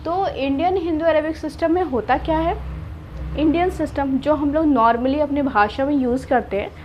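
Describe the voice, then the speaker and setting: A woman's voice: high-pitched, highs cut off, a little hiss or hum. A woman teaching a math lesson, patiently counting out number places and asking questions before she answers them. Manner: patient, repeats and asks herself questions.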